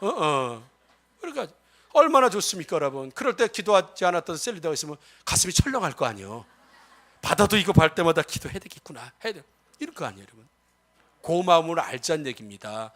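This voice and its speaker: A male pastor preaching a Sunday sermon, asking the congregation rhetorical questions and swinging between loud exhortation and soft asides. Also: fairly high pitch, big pitch swings, quick pace.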